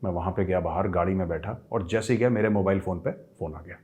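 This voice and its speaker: A middle-aged man hosting a show, telling a personal story in a lively way and sliding in English phrases. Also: low-pitched, quick pace. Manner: lively, acts out quoted people with raised voice, mixes English phrases. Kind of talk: animated storytelling.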